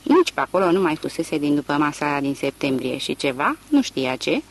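An audiobook narrator reading a literary novel in a measured, expressive way. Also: mid-range voice, poor audio.

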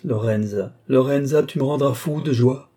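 An ardent mesmerist, voiced by a man presses his questions with urgent eagerness. The tone is dark and husky, and the pitch sits in an ordinary middle range. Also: moderate pace, lightly acted. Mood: eager.

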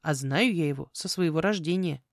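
A woman narrating a first-person fantasy novel as an audiobook in an even, measured manner. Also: low voice, no echo, studio quality. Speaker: audiobook reader.

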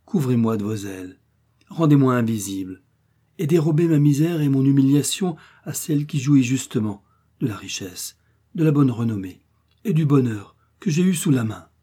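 A man's voice: medium pitch, lively intonation, normal speed, warm tone, husky. A man reading aloud as a poor young woman pleading in despair.

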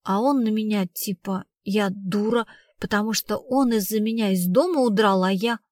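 A woman's voice: medium pitch, normal speed, a little mellow, no echo, clean studio sound, natural voice. A woman reading the part of a blunt, streetwise young woman who tells her story in slangy, casual speech. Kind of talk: audiobook reading.

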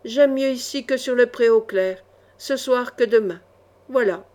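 Casting note: a woman doing a sneering thug swordsman, insolent, fairly high voice. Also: unhurried, darkish tone, close to an everyday voice. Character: insolent, brutish male hired swordsman.

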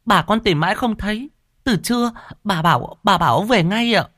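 A man's voice: high voice, a little fast, a bit bright, no room sound, studio quality, voice pushed up. A man voicing a timid, dutiful young servant girl who speaks politely and anxiously.

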